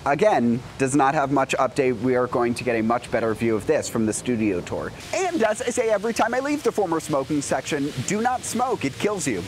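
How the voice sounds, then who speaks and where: A man hosting a vlog, chatting through a walkthrough with playful asides in an enthusiastic style. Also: on the high side. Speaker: theme park vlogger, host.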